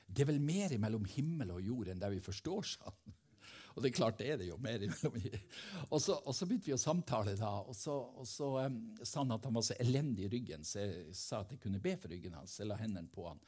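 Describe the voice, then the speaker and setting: Guy preaching, husky voice, heartfelt testimony and stories. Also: fairly low pitch, lively intonation, dark tone. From Helgeland coast, Norway. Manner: fervent, storytelling. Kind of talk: devotional testimony sermon.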